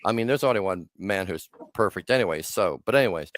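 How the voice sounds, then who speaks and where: A man's voice: sits low, expressive, fast, no room sound, clean studio sound. A man in his sixties hosting a podcast, chatting casually in a rambling, self-interrupting storytelling way. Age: 60s. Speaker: podcast host.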